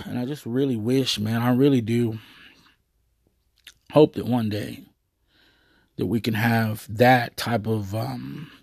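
A man's voice: medium pitch, steady tone, takes it slowly, creaky, pauses often, a little mellow, no echo, studio quality. A man giving a rambling, earnest monologue to his viewers, full of hesitations and fillers. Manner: earnest, proud.

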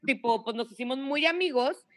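A woman's voice: sits high, a little fast. A young woman with a northern Mexican accent, telling a story in casual chat and acting out the voices of the people in it. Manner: animated, acts out quoted voices, heavy slang.

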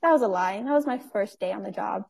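A woman's voice: mid-range voice, fast talker, creaky, darkish tone. A woman in her twenties chatting as an interview guest, full of fillers and easy laughs. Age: 20s. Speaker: guest, nonprofit owner. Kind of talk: casual interview chat.

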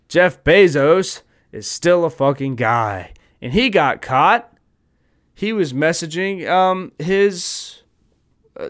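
Casual male podcast host, slightly high voice, profane rambling rants. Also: fairly bright tone, smooth. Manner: profane, rambling, mock-stammers people he imitates. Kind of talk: casual ranting monologue. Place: home recording, seated at phone.

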